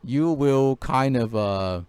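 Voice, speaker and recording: Male online tutor, casual screen-share lesson, stop-start delivery with lots of fillers, mid-pitched. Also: expressive, takes it slowly, a little mellow, smooth, no echo. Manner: hesitant, many fillers and restarts. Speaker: language teacher.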